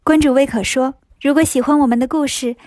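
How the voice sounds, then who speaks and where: A woman storyteller narrating a children's story in a lively, chatty way. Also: sits high, fairly quick, no echo.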